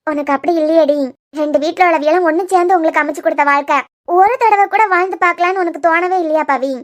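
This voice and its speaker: A woman voicing Diya, high quick Kanyakumari-accented friend. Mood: earnest. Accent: Kanyakumari Tamil. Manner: earnest, coaxing, quick-talking. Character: caring, frank young woman friend, Diya. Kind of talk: cartoon web series voice acting.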